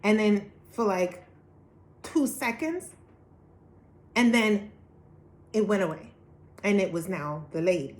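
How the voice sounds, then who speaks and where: Speaking slowly and pausing often, an earnest woman relates her personal testimony through animated storytelling in a middle pitch. She drops into acted-out quotes, and the room gives off a noticeable echo.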